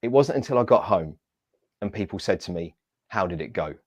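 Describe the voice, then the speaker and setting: A man with a very low voice tells his story as an interview guest. He is lively and self-mocking, acting out the people he quotes. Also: fairly quick, slightly rough, no room sound. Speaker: guest, Paralympic athlete.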